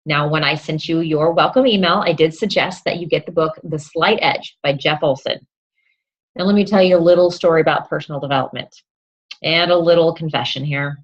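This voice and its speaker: Woman, fitness coach, lowish voice, encouraging instructional talk, dull lo-fi sound. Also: brisk. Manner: upbeat, encouraging, checks in with "okay?".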